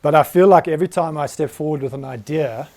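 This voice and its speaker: A man's voice: on the high side, fast, a little mellow. A South African man in his forties, giving a candid, self-deprecating talk to a live audience in a meeting room. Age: 40s. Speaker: business founder giving a talk.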